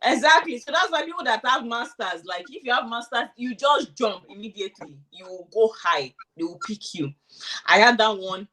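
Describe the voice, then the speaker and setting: Animated woman telling her story, slightly off-mic. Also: fairly high pitch, moderate pace, far from the mic, a little hiss or hum. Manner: animated, acts out quoted thoughts. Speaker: interviewee sharing her immigration story. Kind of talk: casual conversational storytelling.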